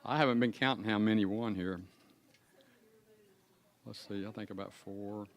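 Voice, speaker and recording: A man in his seventies emceeing a class reunion in a school cafeteria, calling raffle numbers slowly in a folksy, joking way. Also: fairly low pitch. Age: 70s. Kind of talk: casual event announcing.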